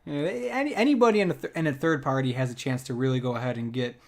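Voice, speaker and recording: A young man co-hosting a podcast, chatting about politics in an excitable way and laughing often. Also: medium pitch, quick pace, gravelly. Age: young adult. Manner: excitable, laughs often, leans on 'go ahead and'. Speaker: podcast co-host. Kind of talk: casual political chat.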